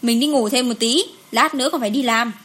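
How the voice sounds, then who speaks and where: A woman's voice: a little high, fast, fairly bright tone, slightly rough. Woman voicing a grumpy sleepy young woman. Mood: placating. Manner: brusque, complaining, placating. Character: blunt sleepy young woman friend, grumbling.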